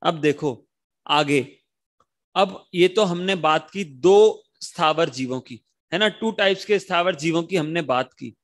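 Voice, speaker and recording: High-voiced man coaxing kids in class. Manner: animated, coaxing kids to repeat lines aloud; chants and sings verses slowly. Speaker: children's religion teacher. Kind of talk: online class for children. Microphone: video call.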